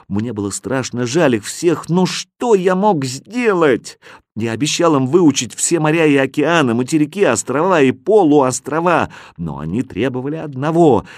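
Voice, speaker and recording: A man narrating a humorous children's audiobook in the first person, with expressive delivery. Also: mid-range voice, dry recording, clean studio sound.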